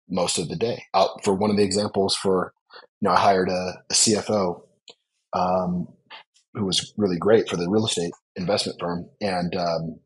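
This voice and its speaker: Husky-voiced man, earnest podcast guest. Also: low voice, poor audio. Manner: earnest, reflective, emphatic. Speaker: business leader guest. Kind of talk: podcast interview.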